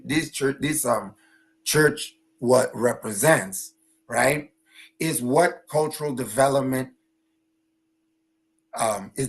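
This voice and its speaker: At a virtual panel, a male engineer who advocates for cultural rights explains his position with fervor, hammering home points and regularly checking in with his listener. His voice is mid-range with a fairly bright tone.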